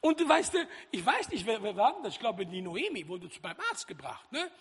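A man preaching a sermon in a church hall, lively and jokey with loud outbursts. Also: sits high, brisk, husky. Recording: reverberant hall.

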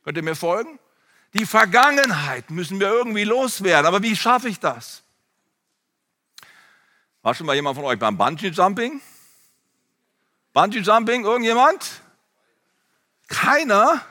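A male pastor preaching a sermon and addressing the congregation directly in an animated way. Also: high-pitched, measured pace, pauses often, in a large hall.

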